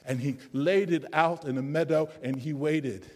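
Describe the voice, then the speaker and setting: A man telling a folk tale to listeners, slow, gentle and often dropping to quiet. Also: fairly high pitch. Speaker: storyteller. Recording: long hall reverb.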